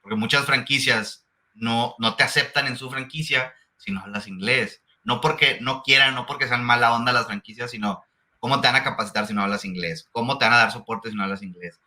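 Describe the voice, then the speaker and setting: A franchise consultant hosts a casual interview, often restarting and then firing off rapid rhetorical questions. His medium-pitched voice is bright and forceful.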